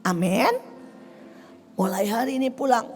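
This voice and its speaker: A middle-aged woman evangelist preaching a sermon, swinging between loud exclamations and hushed asides. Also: on the high side, measured pace. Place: large church hall. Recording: large hall reverb with music behind.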